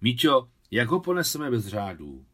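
A man reading a novel aloud, voicing an eager young boy who talks in a hushed, worried way. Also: mid-range voice, sing-song.

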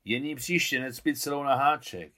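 A man's voice: mid-range voice, pushed and bright, pitched above the performer's own voice, lightly acted. A man reading aloud, voicing an old male fisherman who patiently teaches a group of boys to fish.

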